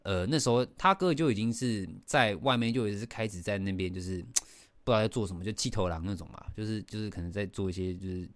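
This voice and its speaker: A middle-aged man with a Taiwanese Mandarin accent hosts a casual podcast and rushes through a story with fillers and bursts of laughter. His voice sits a bit low. The recording is close and dry, with no room sound. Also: dry recording. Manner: animated, with frequent fillers and laughs. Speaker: podcast host.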